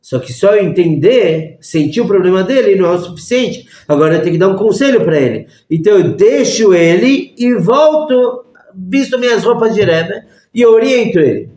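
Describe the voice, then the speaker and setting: A man, a rabbi teaching a lesson through lively stories and acted-out voices. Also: high voice, normal speed. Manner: animated storyteller acting out voices. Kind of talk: storytelling lesson. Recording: echoey room.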